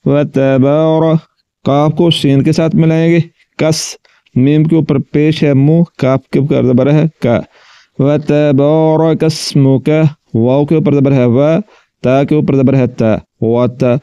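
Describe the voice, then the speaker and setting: Patient male tajweed teacher, slightly high voice. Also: fairly even intonation, warm tone, clear, resonant tone, no echo. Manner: patient, repeats each syllable slowly and drawn out. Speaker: Quran recitation teacher. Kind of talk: step-by-step tajweed lesson.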